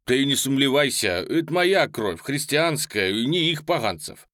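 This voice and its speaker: A man voicing a wounded elderly Cossack who loudly pleads with the others to take up arms. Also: medium pitch, expressive, moderate pace, dry recording, studio quality, pitched above the performer's own voice, close to an everyday voice. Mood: fervent. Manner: loud impassioned pleading.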